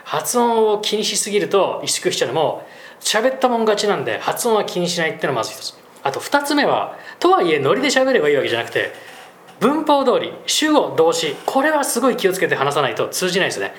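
A fairly high-voiced man teaches business phrases in a quick, chatty way, laughing now and then. His pitch swings widely as he talks. The room gives his voice a noticeable echo. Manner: lively, chatty, laughs often. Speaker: English school principal, guest teacher. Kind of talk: explaining business English. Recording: roomy echo.

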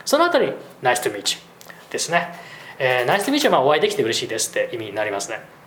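Lively, quick-talking male English teacher. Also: medium pitch, a little hiss or hum. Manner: lively, chatty, laughs often. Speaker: English school principal, guest teacher. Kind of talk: explaining business English. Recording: roomy echo.

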